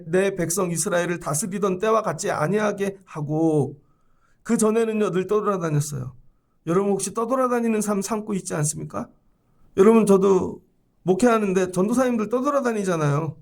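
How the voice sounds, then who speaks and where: A man's voice: sits high, creaky. A middle-aged male pastor preaching at a Friday prayer service in a conversational way, voicing God's lines in casual everyday speech.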